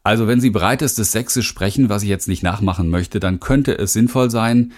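On the low side in pitch and at a moderate pace, a middle-aged man from the Rhineland, western Germany, narrates his self-help audiobook. He speaks as a speaking coach, candid and emphatic, talking straight to the listener.

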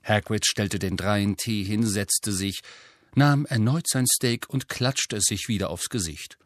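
A man narrating an audiobook in a measured, even storytelling manner. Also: lowish voice, no room sound, studio quality. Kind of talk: scripted narration.

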